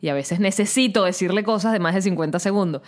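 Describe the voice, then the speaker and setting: A woman's voice: mid-range voice, quick pace. A woman with a Venezuelan accent co-hosting a casual podcast chat, telling stories expressively and swearing casually. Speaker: podcast co-host.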